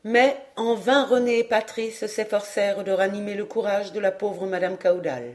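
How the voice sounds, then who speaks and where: A woman reads a novel aloud in a measured, expressive narration. Her voice sits at an ordinary middle pitch. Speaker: audiobook reader. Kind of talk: audiobook narration.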